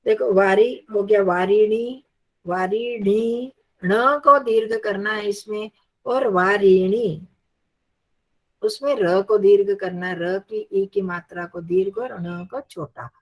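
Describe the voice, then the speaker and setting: A woman's voice: medium pitch, measured pace. A woman teaching a Sanskrit lesson, patiently reciting and drilling word forms aloud.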